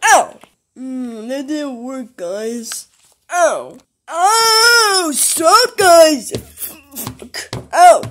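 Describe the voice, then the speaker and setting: Woman acting little boy plush creature, whiny, very high, slow-paced, homemade skit. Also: sing-song, full character voice. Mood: upset, protesting. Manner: whiny, protesting. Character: whiny, reluctant little boy ghast toy with loose tooth.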